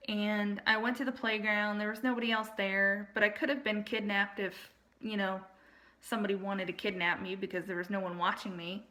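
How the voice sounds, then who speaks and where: An adult woman shares a personal account in casual, unscripted speech. Her voice is bright and tense, sitting at an average pitch for a woman. She explains each point deliberately, with an aggrieved edge. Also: flat delivery. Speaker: storyteller recounting personal family experiences.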